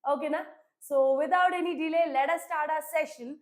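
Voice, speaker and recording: A woman teaching chemistry in a live online class, speaking, hoarse and coughing from a sore throat, chatty and checking in with students often. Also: high voice, extremely slow. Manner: chatty, keeps checking in with "okay?". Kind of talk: live online class, Telugu-English mix.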